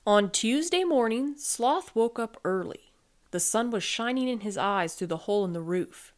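A woman reading a children's storybook aloud, gentle and playful with the sound words. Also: fairly high pitch, animated, normal speed. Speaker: podcast reader.

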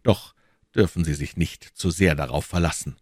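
A man's voice: extremely low pitch, moderate pace, a little mellow, husky, no echo, studio quality. A man reading a proud, defiant musketeer captain. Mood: firm defiant.

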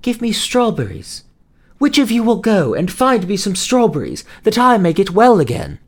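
Man putting on a sick little girl, high and pleading, dreamy storybook voice. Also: huge pitch swings, normal speed, full character voice.

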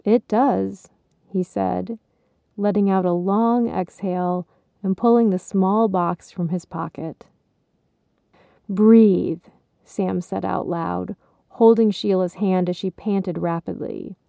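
A woman narrating her own written story in a slow, measured way. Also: lowish voice, steady tone, creaky, mellow, no room sound. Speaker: author and storyteller. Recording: slightly dull recording.

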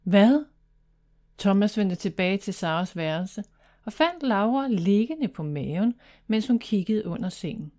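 A woman reading a children's fantasy story aloud, in steady, even narration. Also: mid-range voice.

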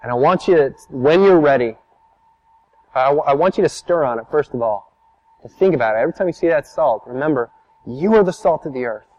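A man's voice: on the high side, animated, brisk, a little mellow, dry recording, lo-fi sound. A man preaching a sermon as a pastor, telling stories in a conversational, emphatic way.

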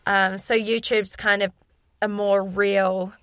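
A woman's voice: medium pitch, level tone, slow pace, fairly bright tone, smooth, dry recording, studio quality. A young woman speaking candidly and chattily as a guest in a casual interview. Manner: candid, talkative. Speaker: fitness influencer, interview guest.

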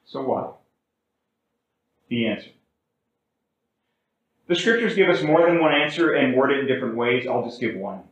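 A man preaching a sermon as pastor, with big swings in pitch and volume and slow, drawn-out words for emphasis. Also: expressive, very echoey, poor audio. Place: church sanctuary.

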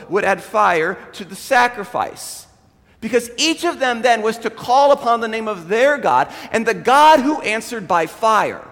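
Lively high-voiced pastor in a reverberant hall. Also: male voice. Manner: animated retelling with voiced quotes. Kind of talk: sermon storytelling.

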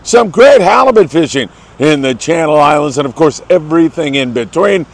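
A man's voice: fairly high pitch, expressive, moderate pace, vocal fry. A man with a lingering cold hosting an upbeat morning fishing briefing, talking to viewers in an effusive, folksy way. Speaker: host of a fishing report show. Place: outdoors by the coast in the morning.

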